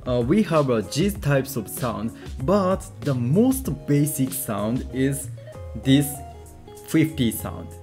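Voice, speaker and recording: A man with a Japanese accent teaching a casual language lesson, repeating syllables slowly for drills and saying "okay" often. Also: mid-range voice, big pitch swings, dark tone, faint music behind.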